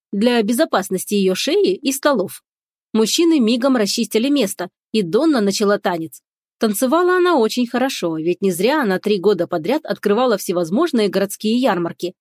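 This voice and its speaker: A woman narrating a fantasy audiobook in a steady storytelling manner. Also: on the high side, a little fast, no echo, clean studio sound.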